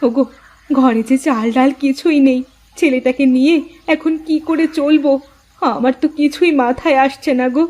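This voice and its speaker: A woman's voice: sits high, steady tone, moderate pace, darkish tone, natural voice. A woman voicing a poor young village wife who pleads and weeps in a cartoon story. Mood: worried. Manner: tearful, pleading. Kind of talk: animated cartoon voice acting.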